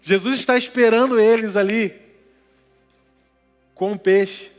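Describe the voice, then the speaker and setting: A male preacher with a fairly high voice delivers an animated sermon, trading storytelling for jokes and questions to the crowd. His voice rings with a long church reverb, and soft music plays under it. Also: a little slow. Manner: animated storytelling with jokey asides and questions to the congregation.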